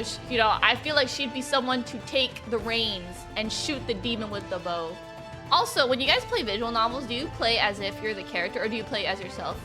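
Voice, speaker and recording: A young woman streaming a game, reading the story text aloud and chatting between lines in a bubbly way. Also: a little high. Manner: bubbly and chatty, laughing often. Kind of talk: live-stream playthrough, reading visual novel text aloud.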